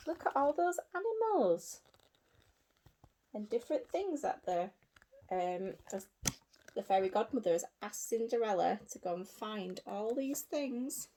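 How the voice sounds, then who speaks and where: Reading to little ones, this early years teacher brings the story to life with repeated simple lines and side comments to the children. Her voice is medium in pitch, and there's slight background noise.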